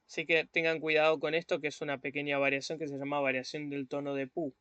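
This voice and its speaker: A man teaching an online language lesson, patient, repeating words slowly and often checking that students follow. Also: a little high, little pitch movement, sharp tone, clean tone, no room sound. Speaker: Chinese teacher.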